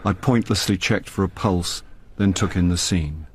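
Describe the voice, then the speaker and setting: In a radio drama with background noise and ambience, a British actor with a deep, husky voice at normal speed plays the lead and narrates in the first person. His character is a wry, weary, hapless middle-aged actor turned amateur sleuth, delivered with dry self-deprecation and wry narration.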